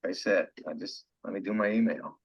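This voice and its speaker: An older actor playing a blunt, gruff grandfather who brushes his family off, in a film clip. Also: on the low side, fairly even intonation, moderate pace, dry recording, muffled recording. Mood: grumpy. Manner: blunt, dismissive.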